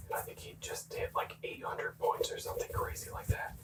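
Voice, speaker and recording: A young adult ASMR creator whispers softly and unvoiced while showing off hockey jerseys. They repeat words slowly and ramble through casual asides, correcting themselves along the way. The room is echoey and the voice sits far from the mic.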